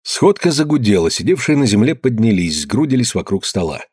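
A man's voice: medium pitch, very animated, fairly quick, a little mellow, breathy edge, no echo, studio quality. A man reading a novel aloud as audiobook narrator. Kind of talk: scripted narration.

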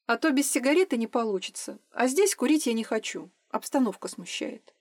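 A woman's voice: a little high, animated, a little fast, no echo, studio quality. A woman reading a teasing outspoken young woman.

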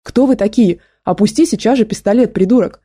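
A lady narrator doing a nasty cursing woman crook, dark mellow voice, audiobook. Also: mid-range voice, brisk, slightly rough, lightly acted. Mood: furious. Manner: abusive, spitting insults. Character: scheming adult woman poisoner, spiteful and shrill.

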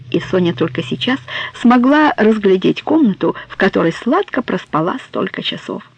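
A woman reads a novel aloud in a measured, even manner. Her voice is husky and breathy. The recording is dry and close, with a dull, muffled top. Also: mid-range voice, no room sound. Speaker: audiobook narrator. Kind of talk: scripted novel narration.

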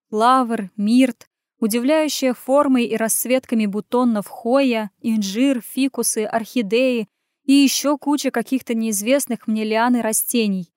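A woman reading a first-person story aloud as audiobook narration, in an even storytelling delivery. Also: a little high, clear, resonant tone, no echo, clean studio sound.

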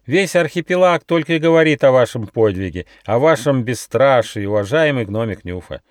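Dude doing a sneaky old grey fox boss, fake-sweet and sneering, pitched way up, dry mic. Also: male voice, no room sound, close to an everyday voice. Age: older. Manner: mock-sweet, theatrical, sneering. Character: sly old grey male fox inquisitor, fawning and menacing.

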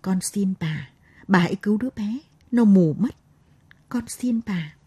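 A broken young servant mother begs and cries out in despair, voiced by a woman narrator. Her voice is husky and dark. The sound is close and dry. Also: mid-range voice, a little slow, dry recording. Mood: pleading. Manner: pleading, sobbing.

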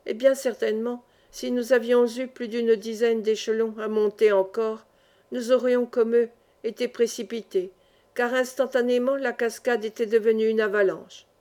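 A woman reading a classic novel aloud as an audiobook. Her delivery is expressive and dramatic. Her voice sits fairly high. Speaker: audiobook narrator. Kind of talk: scripted narration of a classic novel.

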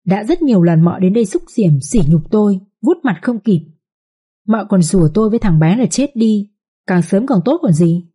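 A woman's voice: mid-range voice, animated, moderate pace, dark tone, breathy edge. A woman doing a wailing scheming young concubine. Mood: accusing. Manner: wailing, whimpering complaints. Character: scheming pregnant young concubine, whiny and shrill.

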